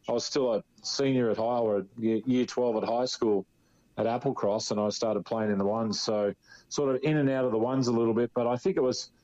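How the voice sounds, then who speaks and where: A man's voice: medium pitch, a little mellow, dull audio. A man in his fifties with an Australian accent, a guest in an interview, telling long rambling stories full of restarts and "you know". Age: 50s. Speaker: interview guest, former footballer. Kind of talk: relaxed storytelling.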